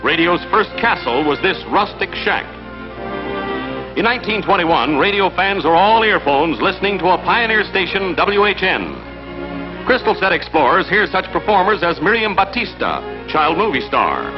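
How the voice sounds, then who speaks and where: High-voiced old newsreel announcer, man. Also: very animated, moderate pace. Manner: emphatic announcing. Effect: old newsreel soundtrack. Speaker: newsreel narrator. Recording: dull lo-fi film sound with loud music.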